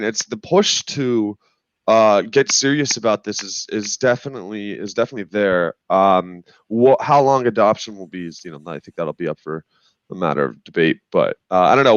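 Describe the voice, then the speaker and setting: Male panelist, fairly low and dry, halting analytical talk, slightly muffled sound. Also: dry recording. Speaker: podcast panelist. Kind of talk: casual analytical discussion.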